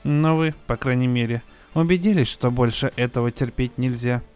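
A man's voice: medium pitch, normal speed, darkish tone, clear, resonant tone, soft background music, natural voice. A man reading the lines of a tense, feverish male officer in an audiobook, hissing and strained.

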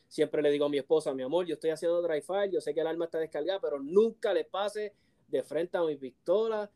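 A man, co-hosting a casual podcast chat, telling animated stories and laughing often. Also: fairly high pitch. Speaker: co-host.

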